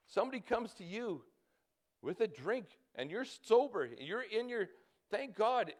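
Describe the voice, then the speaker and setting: A Canadian-accented male pastor in his fifties preaches a sermon in a high, animated voice. His delivery is halting and urgent, full of repeated words and pressing exhortations.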